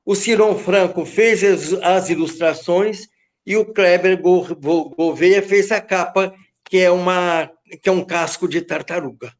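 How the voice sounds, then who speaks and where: A man from Goiás in Brazil, a poet telling the story behind his book and reciting his verses in a rhythmic, incantatory way over a video call. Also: sits high. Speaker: poet and guest speaker.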